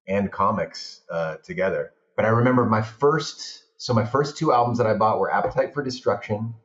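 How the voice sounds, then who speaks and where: With a lowish voice and a moderate pace, a Portuguese film director chats casually as a podcast guest. He spins long, rambling, animated stories, and the audio comes across as muffled and roomy.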